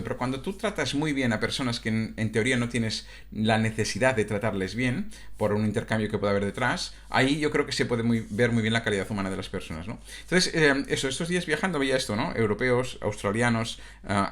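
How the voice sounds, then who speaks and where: A man's voice: mid-range voice, a bit bright. A man from Catalonia, a coach talking in a casual, reflective monologue that stumbles over restarts and tag questions. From Catalonia, Spain.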